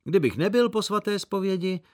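A prim, sanctimonious village boy who grumbles and threatens, as a man reads him aloud in a storybook. His voice jumps higher in pitch and louder at times. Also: lively intonation. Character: sulky pious village boy, just after confession.

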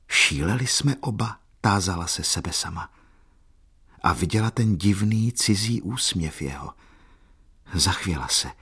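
A man reading a classic novel aloud as narrator, in a slow, solemn and measured way. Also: low voice, husky.

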